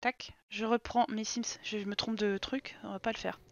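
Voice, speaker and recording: A woman's voice: mid-range voice, little pitch movement, normal speed, creaky, lo-fi sound, a little hiss or hum. A young woman casually commenting while she streams a life-sim game, chatty and scolding her game characters in mock outrage.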